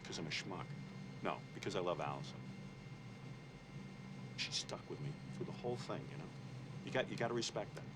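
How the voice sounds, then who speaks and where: An actor playing a brash, crude, self-mocking radio host, confiding to the audience. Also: male voice, low-pitched, expressive, brisk, long pauses, very noisy. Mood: musing. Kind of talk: film dialogue and narration.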